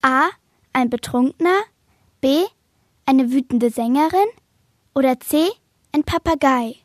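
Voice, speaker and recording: Brief: quiz presenter, clear and instructive, high-pitched. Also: female voice, unhurried, no echo, clean studio sound. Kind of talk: scripted quiz questions.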